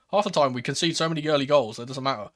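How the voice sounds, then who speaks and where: A man hosting a live football watchalong, calling the play in a casual, excitable fan's manner. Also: mid-range voice, a little fast. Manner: excitable, swearing, shifting from murmured play-by-play to raised exclamations. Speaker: host of a football watchalong stream. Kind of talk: live football commentary with casual fan reactions.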